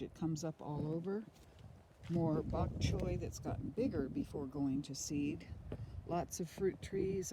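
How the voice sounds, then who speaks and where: A middle-aged woman strolls through an outdoor garden, chatting casually into a handheld phone. She talks at an unhurried pace with frequent ums. Steady rain noise sits clearly under her voice. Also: low voice. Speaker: homesteader giving a garden tour. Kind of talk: casual walking tour narration.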